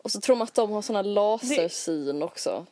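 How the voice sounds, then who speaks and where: A woman's voice: mid-range voice, animated, darkish tone, no room sound. A young woman in casual conversation, attentive and chiming in with short responses. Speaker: listener in casual chat. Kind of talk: casual chat.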